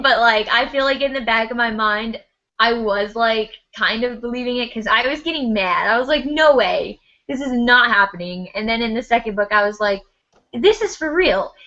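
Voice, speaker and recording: A young woman co-hosting a casual livestream book chat, rambling in an animated way with lots of "like". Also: on the high side, normal speed. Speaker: book club co-host. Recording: dull lo-fi video call audio.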